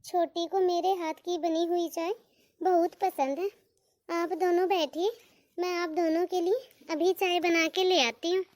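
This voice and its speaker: In a cartoon, a woman with a very high voice plays a patient, respectful elder daughter-in-law. She speaks unhurriedly with fairly even intonation, sounding gentle and dutiful, and there is no room sound.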